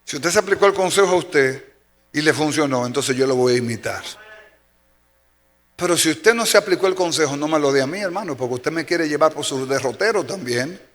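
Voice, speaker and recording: In a church sanctuary, a Dominican pastor delivers an emphatic sermon in a Dominican Spanish accent, repeating key phrases for effect. His pitch is fairly high, his delivery animated and a little fast. Faint music plays beneath long church reverb.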